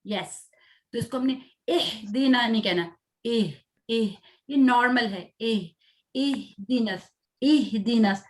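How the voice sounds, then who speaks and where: Patient woman teaching Quran recitation. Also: fairly high pitch. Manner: recites slowly syllable by syllable for students to repeat; patient, quizzes pupils with questions and praise. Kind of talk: online children's tajweed class.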